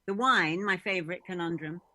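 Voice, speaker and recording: A woman's voice: on the low side, brisk, pushed and bright, dry recording. A woman chatting over a video call in a rambling way, full of restarts and laughter.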